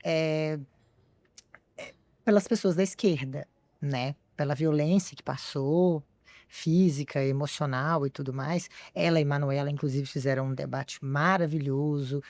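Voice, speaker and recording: A woman's voice: deep voice, fairly even intonation, measured pace, darkish tone, no room sound. A woman from Brazil hosting a podcast, chatting and prompting her guest. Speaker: podcast host. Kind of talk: casual podcast conversation.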